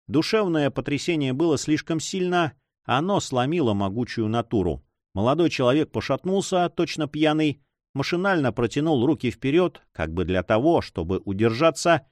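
A man narrates an adventure novel with dramatic expression. His pitch rises and falls widely over a dry, close recording with an ordinary middle pitch. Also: no echo. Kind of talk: audiobook reading.

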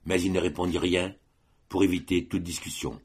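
A man reading a classic novel aloud as an audiobook narrator, in a measured, even way. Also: low-pitched, slightly rough. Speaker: audiobook reader. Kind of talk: literary narration.

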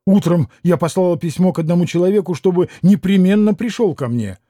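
A man's voice: high-pitched, brisk, mellow, no echo, studio quality. A man voicing a proud, tormented young girl who speaks feverishly, pleading and breaking into outbursts. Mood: agitated.

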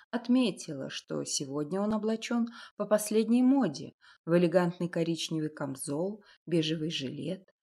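A woman reading a historical romance novel aloud in measured scripted narration. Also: mid-range voice, warm tone. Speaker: audiobook narrator.

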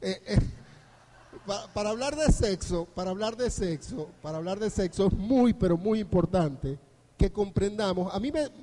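A man's voice: high-pitched, lively intonation, normal speed, dark tone, in a large hall. A man, a couples therapist giving a live conference talk, joking and acting out dialogues between couples. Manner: humorous, anecdotal, acts out dialogues. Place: conference hall.

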